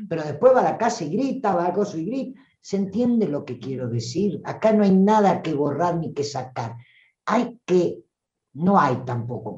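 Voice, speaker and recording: Animated Rioplatense woman voice teacher. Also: on the low side. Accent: Rioplatense Spanish. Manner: animated, playful, rhetorical questions. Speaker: voice workshop teacher. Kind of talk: lively teaching talk. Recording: roomy, dull lo-fi sound.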